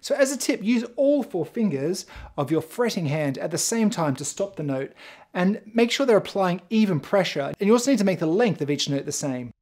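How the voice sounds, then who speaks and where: A woman teaching bass guitar in a tutorial, explaining step by step in a clear, encouraging way. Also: animated, a little fast, a little mellow. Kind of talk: instrument tutorial.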